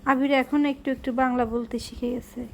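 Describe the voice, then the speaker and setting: A woman's voice: sits high, level tone, moderate pace, gravelly, a little mellow. A woman narrating a home vlog in simple, instructive phrases, like someone teaching a child.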